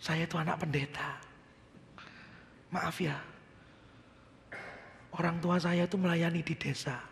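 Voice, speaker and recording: A man from Indonesia, preaching a sermon with a personal testimony, swinging between shouts and hushed whispers. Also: fairly high pitch, steady tone, unhurried, creaky, a little hiss or hum. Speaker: pastor. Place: church. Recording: reverberant church hall with faint ambience.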